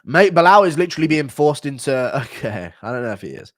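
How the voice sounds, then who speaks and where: A man's voice: on the high side, very animated, quick pace, dry recording, clean studio sound. A man from the United Kingdom, sick today, hosting a casual livestream, reading donations and joking in a profane, mocking way. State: sick, unwell.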